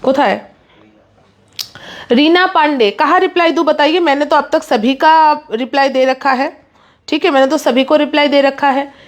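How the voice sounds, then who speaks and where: High-voiced woman rattling off a sales pitch. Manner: rapid, pushy sales patter, mixing English in. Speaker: online saree seller. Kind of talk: live sales stream.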